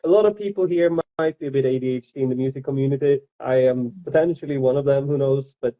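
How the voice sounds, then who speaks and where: A man's voice: mid-range voice, quick pace. A young man with a Swedish accent, speaking as a guest, thoughtful and searching for words, with frequent laughs. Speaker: music producer, guest. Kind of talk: casual livestream chat. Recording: tinny phone-like call audio.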